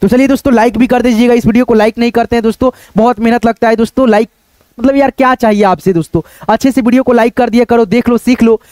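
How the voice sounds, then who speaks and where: Man, very high pitch, patient online teacher, repetitive, dry close sound. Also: steady tone, quick pace, a little mellow, no echo. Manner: patient, repetitive, addresses viewers as friends. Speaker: English teacher. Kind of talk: online spelling lesson.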